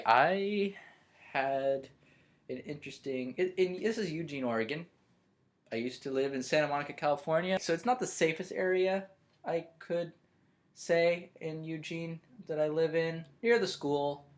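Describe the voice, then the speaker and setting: A young man, a college student vlogging from his bedroom, telling a story in a rambling, self-interrupting, animated way. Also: a little high, moderate pace. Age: young adult. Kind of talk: storytelling vlog.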